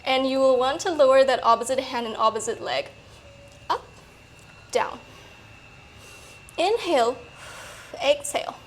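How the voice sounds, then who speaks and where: A woman coaching a workout in a peppy, encouraging manner, a little breathy from exertion. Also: high-pitched, animated, a little slow, long pauses, a little hiss or hum. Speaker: fitness coach. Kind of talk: workout instruction.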